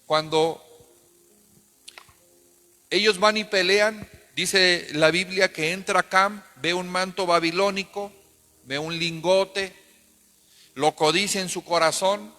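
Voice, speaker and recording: A man's voice: high-pitched, fairly even intonation, slow pace, pauses often, bright, forceful tone. A man preaching a sermon as pastor, emphatic and calling the congregation to repeat after him. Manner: emphatic, calls for responses. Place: church. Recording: long church reverb.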